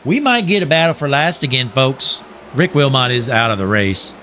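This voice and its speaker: Bright-voiced sim racing commentator, a man. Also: mid-range voice, animated, normal speed, a little hiss or hum. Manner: folksy, joking, says "folks" often. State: losing his voice. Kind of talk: play-by-play commentary.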